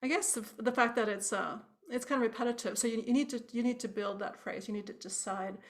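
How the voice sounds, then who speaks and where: A woman's voice: a little high, fast talker. A woman teaching a harp workshop over a video call, chatty and conversational, quizzing her class with little tag questions as she goes. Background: harp playing.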